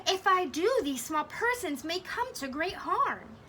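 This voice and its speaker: A woman voicing a gentle, loyal male elephant who speaks earnestly and pleads. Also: very high-pitched, big pitch swings, unhurried, slight background noise, pitched above the performer's own voice, exaggerated voice.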